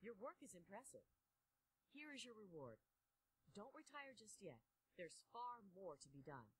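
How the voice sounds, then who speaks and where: A brisk, no-nonsense lawkeeper woman in a video game, her very husky voice swinging up and down with lively inflection. She speaks in short, clipped orders, all business. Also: mid-range voice, no room sound, heavily acted, low-quality recording. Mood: businesslike. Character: stern female lawkeeper handing out bounty rewards. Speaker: bounty-paying regulator leader in a game.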